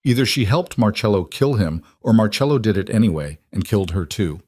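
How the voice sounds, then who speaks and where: A man's voice: on the low side, lively intonation, brisk, a little mellow, no room sound, studio quality. A man reading scripted dramatic narration in terse, clipped sentences.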